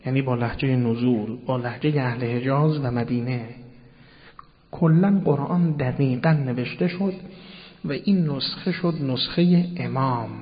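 Man lecturing on religion in a big hall. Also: mid-range voice. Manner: explanatory, addresses listeners politely and repeats key terms. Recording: dull sound with long hall reverb.

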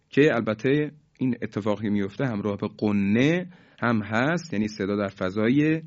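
A man teaching a Quranic tajweed lesson, explaining rules calmly and stretching out each example word slowly as he demonstrates its sound. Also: mid-range voice, lo-fi sound. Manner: slow, drawn-out demonstrations of recited words.

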